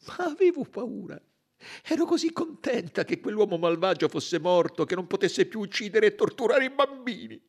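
Man voicing a crying nanny, very high, husky, sobbing. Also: sing-song, moderate pace, exaggerated voice. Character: weeping Swedish nanny, woman.

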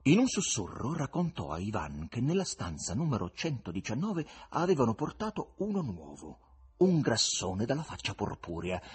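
A man narrating a novel aloud in an expressive, dramatic reading. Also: medium pitch, slightly rough. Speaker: audiobook reader. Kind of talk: literary audiobook narration.

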